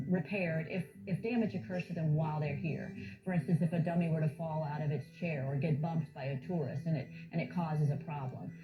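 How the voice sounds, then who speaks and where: A woman speaking as a museum curator in an informal documentary interview, explaining in a measured way. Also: on the low side. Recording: thin phone-like audio under music. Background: background music.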